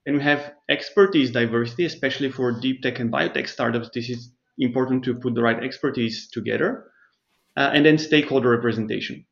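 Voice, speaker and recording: A man from Bulgaria, a startup chief, lays out his answers in a careful, explanatory way, pausing and restarting as he thinks. His voice sits at a middling pitch. The recording is slightly dull and lo-fi. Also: creaky. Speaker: startup CEO, guest. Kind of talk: conversational interview answers.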